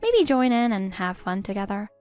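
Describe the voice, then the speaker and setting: A woman voicing a patient, hurt middle-aged stepmother who pleads gently with her stepdaughter. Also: mid-range voice, very animated, moderate pace, clear, resonant tone, highs cut off, faint music behind, close to an everyday voice. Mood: pleading. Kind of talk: text-story voice acting.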